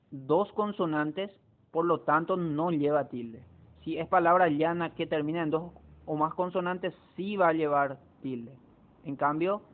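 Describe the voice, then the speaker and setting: A man teaching a lesson on spelling rules, explaining step by step with frequent hesitations and restarts. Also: on the high side. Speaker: Spanish teacher. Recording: tinny phone-like recording.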